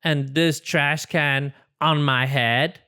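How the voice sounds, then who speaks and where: Reading a storybook, the narrator plays a silly, self-assured male porcupine with breezy, theatrical cheer and confidence. The medium-pitched voice is steady and slow, with a sharp, clean tone.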